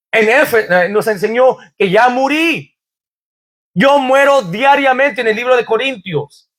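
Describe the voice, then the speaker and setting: A man's voice: very high voice, a bit bright. A man preaching a sermon in a church as pastor, quoting scripture fervently and asking the congregation rhetorical questions.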